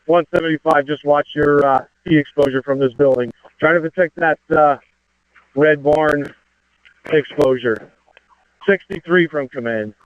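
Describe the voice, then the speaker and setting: A man's voice: on the high side, a little slow, dry recording, narrow, tinny audio. A man speaking urgent firefighter radio traffic as incident commander, terse and directive, over a two-way radio. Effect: two-way radio transmission.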